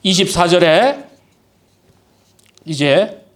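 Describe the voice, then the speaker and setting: A male pastor preaching a sermon, lively and humorous, often asking the congregation questions. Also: sits high, very slow. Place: church sanctuary. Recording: echoey church hall from a distant mic.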